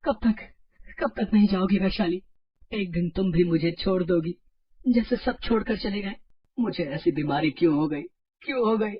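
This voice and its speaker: A woman voicing a distraught young married man who is sick and afraid, speaking in a pleading way in an animated storybook. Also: mid-range voice, moderate pace, slightly rough, muffled recording, lightly acted. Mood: despairing. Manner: pleading, desperate.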